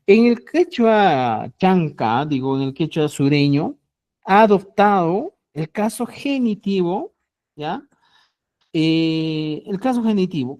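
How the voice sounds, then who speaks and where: Woman teacher, patient and slow, low mellow voice with lively pitch. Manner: slow, explanatory, repeats phrases and asks "¿ya?". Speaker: language teacher. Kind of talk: online grammar lesson.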